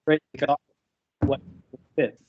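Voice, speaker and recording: A man's voice: mid-range voice, little pitch movement, slow pace. Man chairing a committee meeting remotely, practical and plain, choppy video-call audio breaking up, muffled lo-fi sound. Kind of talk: casual meeting discussion.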